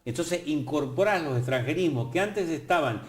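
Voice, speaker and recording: An older man with an Argentine accent explaining language on a TV studio program in a professorial, lively way with playful asides. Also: fairly high pitch, moderate pace. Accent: Argentine Spanish. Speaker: guest, academy president. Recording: roomy studio echo.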